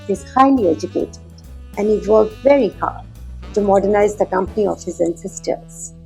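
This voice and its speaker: A woman with an Indian accent, hosting a formal interview in deliberate, measured phrases. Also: mid-range voice, gravelly, darkish tone, soft background music, poor audio. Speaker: talk show host.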